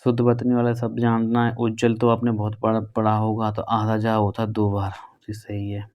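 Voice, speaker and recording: A male teacher from northern India going through exam questions in a brisk, conversational way, drawing out the key words. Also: lowish voice, completely flat delivery, darkish tone, smooth. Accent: Hindi, northern India.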